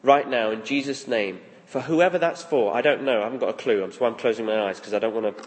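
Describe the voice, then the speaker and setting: A man preaching in a church service, his mid-pitched voice carrying a long reverb through the hall. He prays slowly and gently with long pauses, then reads scripture with swelling emphasis. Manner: slow, soft prayer with long pauses. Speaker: pastor. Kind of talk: prayerful sermon.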